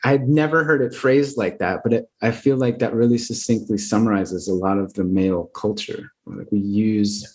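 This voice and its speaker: A man hosting an interview podcast, asking reflective, gently probing questions. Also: fairly low pitch, normal speed, few pauses. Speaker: podcast host. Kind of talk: conversational interview.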